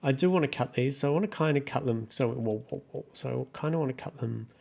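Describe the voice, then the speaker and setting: Muttering offhandedly as he goes, a man thinks aloud while walking through music production steps on his computer for a tutorial. He talks fast in a mid-range, darkish voice, with keyboard and mouse clicks clearly in the background.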